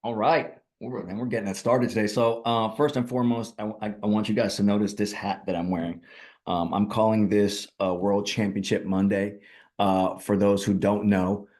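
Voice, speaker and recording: A man's voice: fairly low pitch, flat delivery, moderate pace, a little mellow. A man from Puerto Rico giving a rallying, conversational presentation on a video call as a guest speaker, with many fillers. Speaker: guest speaker, real estate team leader. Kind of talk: energetic motivational presentation.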